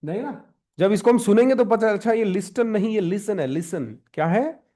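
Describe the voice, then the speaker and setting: Male teacher, high voice, classroom lecture, keeps quizzing students. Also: expressive, moderate pace, dark tone. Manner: questioning, coaxing students. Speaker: spoken English teacher.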